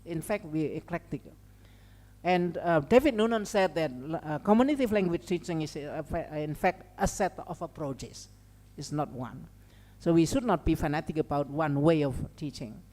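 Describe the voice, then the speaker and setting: A seminar speaker and language educator with an Indonesian accent gives an academic lecture with informal asides, conversationally checking in with tags like okay and right. Her low, dark voice is expressive at a moderate pace, with long hall reverb.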